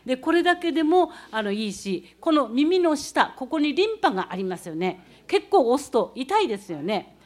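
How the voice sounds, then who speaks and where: A woman from Japan's Tohoku region gives a talk, explaining techniques step by step as she demonstrates them, while recounting leading a student climb. Her voice sits high and sing-song at a moderate pace.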